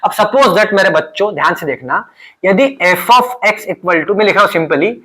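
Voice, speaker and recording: A man's voice: sits high, animated, measured pace, pushed and bright. A man with an Indian accent teaching a physics lesson online, who voices his students' questions and then answers them himself. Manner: mixes Hindi and English. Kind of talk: online lecture.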